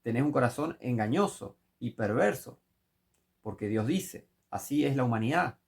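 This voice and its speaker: A man's voice: mid-range voice, animated, normal speed, gravelly, husky. A man preaching a sermon, emphatic and full of rhetorical questions.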